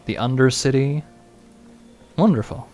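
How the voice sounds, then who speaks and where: A man's voice: medium pitch, a little slow, darkish tone, soft background music. A man giving casual let's-play commentary while streaming a game, rambling and joking with lots of "like" fillers. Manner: rambling and joking, heavy use of "like". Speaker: gaming streamer.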